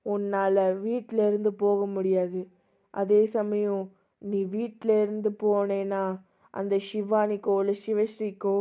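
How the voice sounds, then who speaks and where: A woman voicing a scheming older woman who calmly gives orders in an amateur voice drama. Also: mid-range voice, smooth, lo-fi sound, lightly acted. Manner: calm, commanding, instructive.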